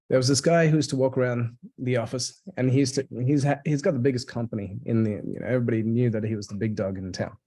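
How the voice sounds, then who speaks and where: Aussie bloke on a webinar, warm mellow voice, chatty and upbeat, telling a quick story. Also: male voice, mid-range voice. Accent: Australian. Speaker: co-host. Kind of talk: live webinar chat.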